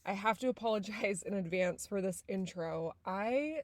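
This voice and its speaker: A podcast host from San Diego chats casually through her intro, her mid-range voice a little nasal and congested, at a moderate pace with no echo. She's talkative and sprinkles in many fillers like "like".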